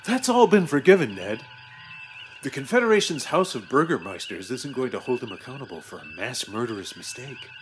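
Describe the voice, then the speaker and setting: A man playing a starship crew officer, delivering absurd lines deadpan in a comedy audio sketch. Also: medium pitch, brisk, a little hiss or hum, lightly acted. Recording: music bed behind the voice.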